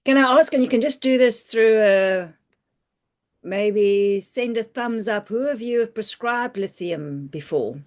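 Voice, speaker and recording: A woman physician teaches on a video call, her voice hoarse and croaky. She explains clinical points in a practical, reassuring way. Her delivery is loose and conversational. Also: on the high side, a little slow, darkish tone. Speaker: family physician presenting a webinar. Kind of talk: online medical teaching talk. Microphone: computer mic on a video call.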